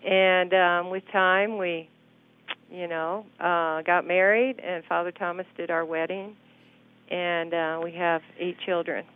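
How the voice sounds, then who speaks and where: A woman in her sixties from Arizona, recalling her years of mission work in an unhurried way, pausing with many ums. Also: on the low side, little pitch movement, clear, resonant tone. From Phoenix, Arizona, USA. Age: 60s. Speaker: longtime mission worker. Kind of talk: casual interview, personal story. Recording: narrow phone-like sound.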